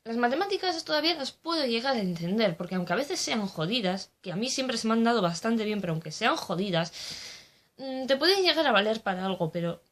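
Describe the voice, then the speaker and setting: A young woman with a fairly high voice talks straight to the camera in a casual monologue. She is blunt and candid and swears easily. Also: sing-song, fairly quick, a bit bright. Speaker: vlogger.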